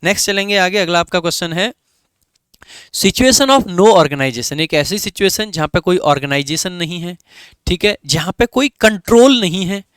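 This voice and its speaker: A man's voice: high voice, lively intonation, moderate pace, a bit bright, smooth, no echo. A man with an Indian English accent teaching an online exam-prep lesson, explaining each answer option step by step.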